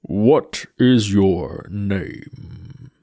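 A man plays Death as a grave, unhurried skeleton, each word weighed out slowly. The voice sits low and hollow with a husky, gravelly grain. He stays calm and courteous throughout. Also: no echo, studio quality, full character voice. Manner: slow, measured, grave delivery.

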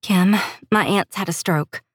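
Urgency and resolve drive the young nurse here, a caring, steely, worn-out character a woman narrator plays by pitching up from her low narration. She speaks at a moderate pace, lightly acted, in a dry, close recording without echo.

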